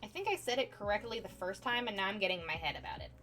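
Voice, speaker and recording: A woman's voice: medium pitch, animated, racing, fairly bright tone. A woman streamer chatting casually at home on her couch, rambling and poking fun at herself. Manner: rambling and self-deprecating, with frequent "like" fillers. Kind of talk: casual chat while drawing on a live stream.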